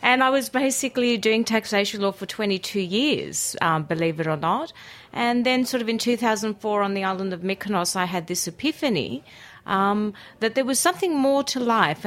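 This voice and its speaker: A Greek-born cookery teacher and food writer with an Australian accent, whose first language is Greek, tells her story enthusiastically as a guest in a casual radio interview. Her mid-range voice is animated and a bit bright, with a moderate pace.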